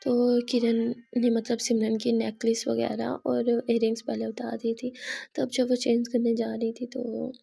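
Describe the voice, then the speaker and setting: A woman's voice: fairly high pitch, monotone, vocal fry, warm tone, slightly rough. A woman narrating a love story in a chatty, casual storytelling style. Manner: chatty, plain retelling with quick asides.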